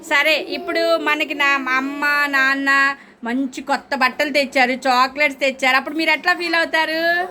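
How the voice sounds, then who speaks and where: High-voiced woman teacher coaxing a class. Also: steady tone, normal speed. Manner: coaxing, calling on children by name. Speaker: teacher of young children. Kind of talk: classroom lesson. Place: classroom full of children. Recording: noisy classroom recording.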